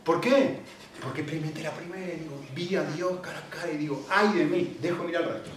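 The recording comes from a very echoey hall with the mic far off, and there is slight background noise. A man with a fairly high voice preaches a sermon fast, earnest and emphatic, regularly checking in with listeners.

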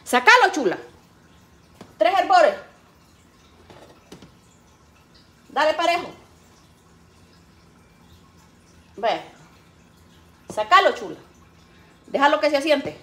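A woman's voice: sits high, big pitch swings, a little slow, pauses often, fairly bright tone, voice pushed up, heavily acted. A woman voicing her stern elderly mother, who bossily warns and coaxes her daughter while teaching her to cook. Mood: instructing. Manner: bossy, warning, coaxing. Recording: roomy, faint background noise.

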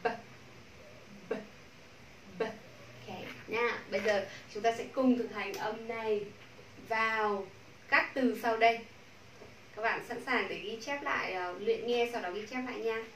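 A woman with a Vietnamese accent teaching English pronunciation to a class, modeling sounds slowly and repeating drills. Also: a little high, a bit bright, far from the mic. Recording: echoey room, from the mic, faint noise.

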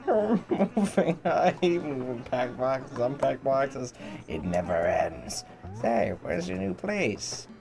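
Man putting on a friendly male cat traveler, nosy small talk, animated pitch, game music. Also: takes it slowly, creaky, full character voice. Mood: chatty. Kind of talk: voicing game dialogue aloud.

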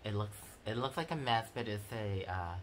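A woman's voice: extremely low pitch, expressive, normal speed. A woman working as a waxing technician, chatting casually and giving a client advice. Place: indoor treatment room. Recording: clear background noise.

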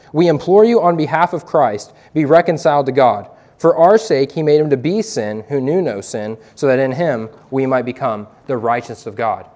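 A man's voice: fairly high pitch, a little mellow. A young man and evangelist giving an earnest, preacherly testimony to a youth group, quoting scripture as he speaks.

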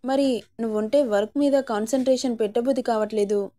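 A woman voicing a loving young husband in a storybook reading, teasing and affectionate by turns, sharp when he feels his wife is wronged. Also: a little high, brisk, natural voice. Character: young man, loving husband, playful and protective.

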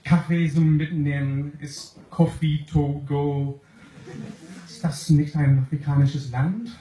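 Speaking a second language with an English accent, a young man from England reads a comic slam poem from a sheet, slow and deliberate, at a stand mic on a small club stage. His voice is fairly high, steady, and dark in tone. An audience is present, he is filmed from the crowd, and the club audio is roomy with faint noise.

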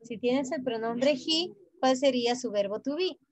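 A woman's voice: high-pitched, expressive, normal speed, no echo, low-quality recording. A woman English teacher who speaks patiently, repeats each phrase in English and then in Spanish, and quizzes her students by name.

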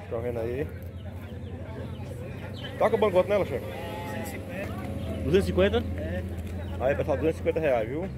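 A man's voice: a little high, expressive, fairly quick, long pauses. A man walking an outdoor goat market with his phone, chatting with sellers about prices and relaying them to viewers. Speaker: vlogger touring a livestock market. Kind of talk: casual on-the-spot market walkthrough. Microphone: phone camera held by the speaker. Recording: noisy outdoor market with crowd. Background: crowd chatter and bleating animals.

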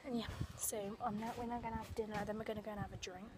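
Rapid-fire and level in tone, a mid-range female voice belongs to a teenage vlogger filming herself at arm's length outdoors. Strolling a sunny marina and woodland path, she rambles casually with many ums and likes, and the phone recording is noisy.

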